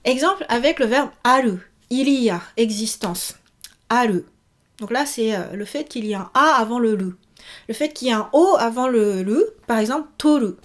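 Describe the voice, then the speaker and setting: Woman, casual video lesson, chatty teacher, fairly high voice, repeats examples. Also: expressive, moderate pace. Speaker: Japanese teacher.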